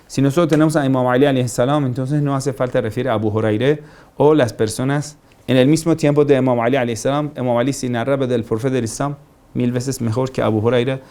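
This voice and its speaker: A man's voice: mid-range voice, gravelly, darkish tone. A man giving a religious lecture, emphatic and repetitive, asking rhetorical questions. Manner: emphatic, rhetorical questions, repeats key phrases. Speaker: preacher.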